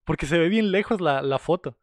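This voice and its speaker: A Mexican man retells a film scene by scene in a loose, slang-heavy ramble. His voice sits fairly high. The sound is dry and close, with no room around it. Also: brisk, no room sound. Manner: rambling storyteller, fills lines with slang. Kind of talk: casual movie recap chat.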